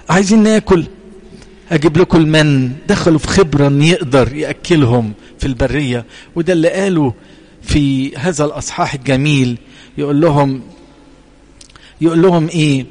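A man's voice: on the high side, in a large hall. A man with an Egyptian Arabic accent, a priest delivering a sermon. He asks the congregation rhetorical questions and then answers them.

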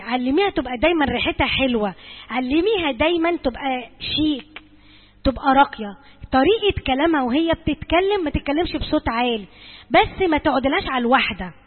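A woman's voice: high voice, lively intonation, fast talker, long pauses, in a large hall, narrow, tinny audio. An Egyptian woman giving an earnest church talk to mothers, speaking directly and repeating points for emphasis. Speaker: church servant advising mothers.

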